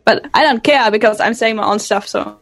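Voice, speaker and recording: A woman playing a tabletop game, chatting quickly about her character. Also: on the high side, fairly bright tone. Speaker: player. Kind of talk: casual game talk.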